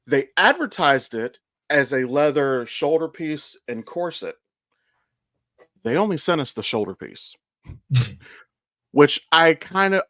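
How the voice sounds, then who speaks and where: A fairly high-pitched, slightly bright male voice belongs to a podcast co-host, an American man perhaps in his thirties. His casual, rambling talk is informal and sweary, halting often to correct himself. The recording is dry, at studio quality.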